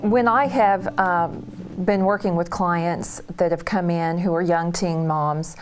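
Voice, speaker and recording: A woman's voice: lowish voice, steady tone, takes it slowly. A middle-aged woman who works with clients, giving a reflective, considered interview answer. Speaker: professional working with young mothers. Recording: guitar music laid under the voice.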